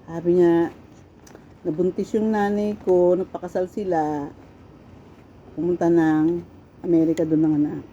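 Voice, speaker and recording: A middle-aged woman from the Philippines telling stories from her life in a casual, animated way, often laughing and acting out quoted lines. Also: fairly low pitch, unhurried, long pauses. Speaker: storyteller sharing her life. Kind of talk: casual personal storytelling. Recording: dull, lo-fi with faint background noise.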